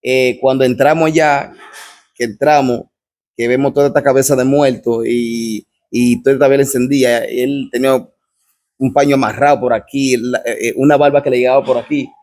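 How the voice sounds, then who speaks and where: A man with a Dominican accent recounting his personal testimony as a guest, telling the story step by step and often pausing to ask what happens next. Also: medium pitch, steady tone, a little mellow. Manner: repetitive storyteller, keeps asking "what happens?".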